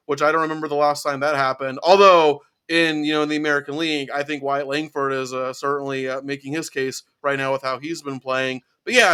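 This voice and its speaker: Male co-host, slightly high and crisp; relaxed, filler-heavy sports chat. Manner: casual, filler-heavy, agreeable. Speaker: podcast co-host. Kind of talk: casual sports talk.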